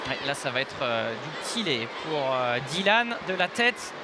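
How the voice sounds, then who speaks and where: A man giving live, excited play-by-play sports commentary on football. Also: a little high, measured pace, a loud crowd. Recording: clear outdoor stadium noise behind. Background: outdoor ambience of a football match.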